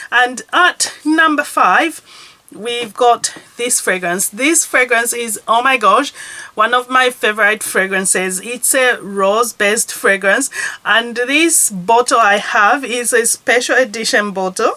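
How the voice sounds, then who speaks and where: Reviewing her perfumes casually to camera, this fragrance vlogger gushes with chatty enthusiasm. Her voice sits on the high side and comes across bright and forceful.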